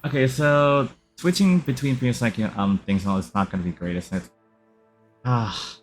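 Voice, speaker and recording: A man streaming a video game live, commenting casually in a relaxed, rambling way with many fillers. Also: mid-range voice, normal speed, soft background music.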